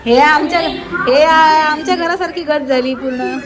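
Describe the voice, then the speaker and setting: High-voiced chatty woman. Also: measured pace, a crowd in the background. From Alibag, Maharashtra. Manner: chatty, teasing, playfully scolding. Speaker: vlogger. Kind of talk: casual vlog narration and chat. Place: outdoors in a coastal fishing village. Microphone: handheld phone with headphones. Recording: noisy outdoor phone recording.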